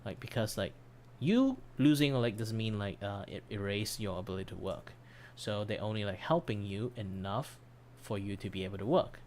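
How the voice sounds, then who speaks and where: A man's voice: fairly low pitch, expressive, normal speed, darkish tone, a little hiss or hum. A man chatting casually on a livestream in a rambling, self-deprecating way, his voice starting to give out. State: losing his voice. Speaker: streamer, commission artist. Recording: background music under voice. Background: background music.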